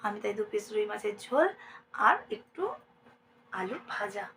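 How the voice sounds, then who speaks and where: This is casual daily vlog narration by a young Bengali-accented woman from India, filmed indoors at home. She speaks to viewers as friends in an expressive, creaky mid-range voice at a moderate pace, going quiet now and then because her daughter is asleep. Slight background noise is audible.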